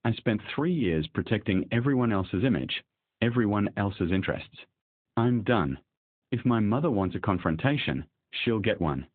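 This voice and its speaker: A man's voice: lowish voice, expressive, normal speed, slightly rough. A man reading a resolute young wife. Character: resolute young wife done being passive. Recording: dry, tinny phone-like sound.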